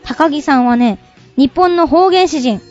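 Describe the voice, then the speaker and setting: A woman's voice: high-pitched, a little mellow, soft background music. A teenage girl, a singer guest on a radio show, cheerfully chatting and reading out trivia. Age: teens. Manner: cheerful, reads trivia slowly and carefully. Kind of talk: casual radio chat. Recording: slightly dull radio recording.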